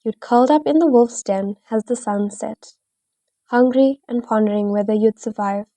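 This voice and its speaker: A woman narrates an audio story in a steady second-person storytelling style. Her voice is fairly high, with a gravelly edge and a mellow, dark tone. The recording sounds dry and close. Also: normal speed, no room sound.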